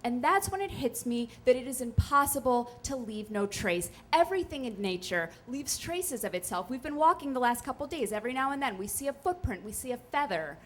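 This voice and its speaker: A woman's voice: a little high, lively intonation, brisk, few pauses, slight background noise. A young woman telling a funny, self-deprecating personal story on stage, chatty and full of "like" and "um.". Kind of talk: live comic personal storytelling. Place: stage at a live storytelling night.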